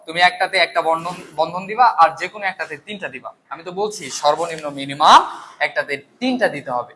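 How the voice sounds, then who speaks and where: A man teaching chemistry, his voice bright and fairly high for a man. He asks his students questions, then answers them himself and counts step by step. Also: slight background noise. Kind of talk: recorded lecture, question-and-answer drilling.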